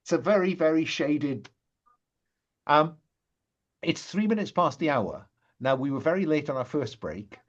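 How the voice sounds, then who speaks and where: Man, game master, slow measured narration, frequent pauses, mid-pitched, dull lo-fi sound. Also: animated. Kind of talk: narrating a tabletop role-playing game.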